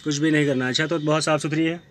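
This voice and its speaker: A man gives a brisk, repetitive sales pitch while walking around cars on an outdoor lot, filming on a handheld phone. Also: steady tone, fairly bright tone. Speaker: used car dealer. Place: outdoor used car lot. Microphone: handheld phone camera. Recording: faint outdoor street noise.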